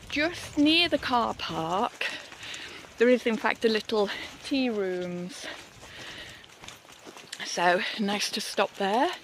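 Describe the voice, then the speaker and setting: A woman's voice: fairly high pitch, slight background noise. A woman vlogging on her own as she walks a wet mountain path, chatty and self-deprecating, laughing often. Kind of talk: casual solo hiking vlog.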